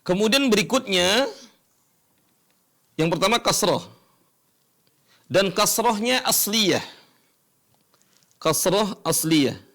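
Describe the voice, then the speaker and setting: A man teaching Quran recitation rules step by step, asking and answering his own questions and chanting examples slowly. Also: high-pitched, animated, fairly bright tone. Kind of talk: educational lesson explaining tajwid rules.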